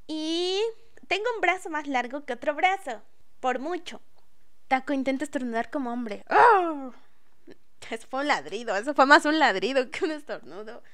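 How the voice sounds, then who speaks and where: A bubbly woman streamer with a very high, bright voice. She chats through her gameplay in an animated, playful way, and her voice keeps jumping up into yelps and laughs. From Mexico. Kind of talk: casual let's-play chat.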